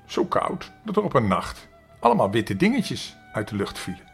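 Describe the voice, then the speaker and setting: A man's voice: on the low side, huge pitch swings, moderate pace, creaky, a bit bright, faint music behind, full character voice. A man voicing a half-frozen young male helper in a storybook, speaking in a thin, cold, stuttering little voice while shivering. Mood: earnest.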